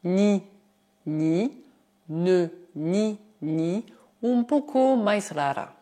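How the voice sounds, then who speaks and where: Woman, teacher, language lesson, unhurried, lowish voice, clear step-by-step explaining. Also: a little mellow. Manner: clear, step-by-step explaining, slows for example sentences. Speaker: French teacher.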